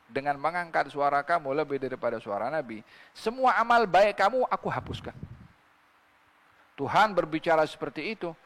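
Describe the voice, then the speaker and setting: A man's voice: high voice, gravelly, fairly bright tone, long reverb tail. A man preaching a religious sermon, reciting scripture in Arabic and asking his listeners rhetorical questions.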